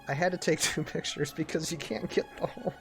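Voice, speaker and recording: A man's voice: a little high, fairly quick, vocal fry, a bit bright, soft background music. A man hosting a casual live-stream chat, chatty and leading the segments. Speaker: podcast host.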